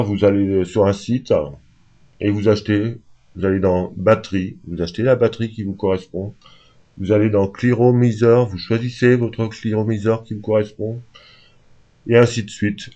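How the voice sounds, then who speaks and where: A vlogger who has only just woken up talks casually and unscripted to camera, rambling and hesitating with lots of fillers. His voice is on the low side with a dark tone, captured in a dull lo-fi home recording.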